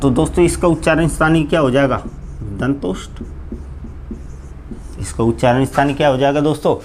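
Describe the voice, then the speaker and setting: A man with a somewhat high voice teaches Hindi grammar to exam students in a live online class. He keeps asking questions aloud and answering them himself. His answers come out lower and slower than his questions. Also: a little hiss or hum. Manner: keeps repeating "friends" to address students; drops low and slow on each answer.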